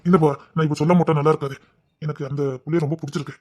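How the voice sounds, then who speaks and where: A man's voice: fairly high pitch, level tone, very fast, a little mellow, lightly acted. A young man acting a proud village son who earnestly pleads with his parents, in a family drama.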